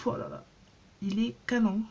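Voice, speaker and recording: A woman's voice: on the high side, fairly even intonation, moderate pace, a little mellow, lo-fi sound. A woman in her thirties chatting casually in a haul vlog, rambling with many fillers and restarts. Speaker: beauty vlogger.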